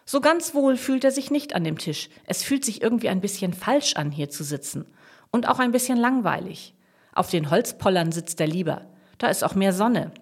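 A woman narrating a children's story aloud in an expressive storytelling manner. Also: medium pitch, moderate pace, breathy edge.

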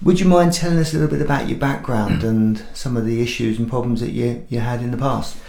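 A man's voice: medium pitch, fairly even intonation, fast talker, gravelly, warm tone, a little hiss or hum. A man hosting an interview podcast, prompting his guests with short, encouraging replies. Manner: brief encouraging backchannels. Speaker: podcast host. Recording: roomy sound with faint music.

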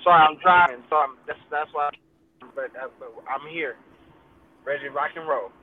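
A man's voice: a little high, moderate pace. A man calling in as a guest on a car speakerphone while driving, talking conversationally with frequent 'uh' fillers and restarts. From Texas. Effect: car speakerphone call while driving. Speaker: guest, congressional candidate. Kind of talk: casual live interview. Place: moving car. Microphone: phone speakerphone. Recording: tinny phone line from a car.

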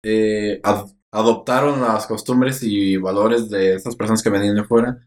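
Low-voiced Mexican man in an echoey room. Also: steady tone, normal speed. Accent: Mexican Spanish. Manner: rambling, searches for words. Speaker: podcast co-host. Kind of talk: casual chat. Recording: roomy echo.

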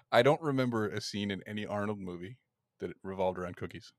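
A man hosting a podcast in casual chat, laughing often and talking in an animated way. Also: on the low side, moderate pace, no room sound, studio quality. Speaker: podcast host.

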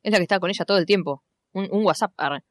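A young Argentine woman recapping a movie among friends, talking fast and acting out every line. Her voice sits in a middling range and sounds dry and close, with no room around it. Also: mid-range voice, no echo. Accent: Argentine Spanish. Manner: animated storytelling, acts out quotes, swears casually. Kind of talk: casual chat recapping a film.

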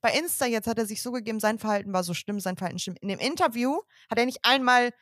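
A woman's voice: fairly high pitch, fast, a bit bright, no echo, studio quality. A young woman co-hosting a casual podcast chat, arguing her point emphatically with restarts and quoted asides. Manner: emphatic, frequent restarts and quoting. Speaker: podcast co-host.

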